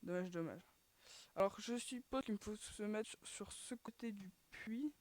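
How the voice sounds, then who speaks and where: Female gaming host with a dry, close sound and middling pitch, talking casually and hesitantly while she plays. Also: moderate pace, a little mellow, dry recording. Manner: chatty, filler-heavy, keeps sighing "too bad" at failed attempts. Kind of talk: casual gameplay commentary.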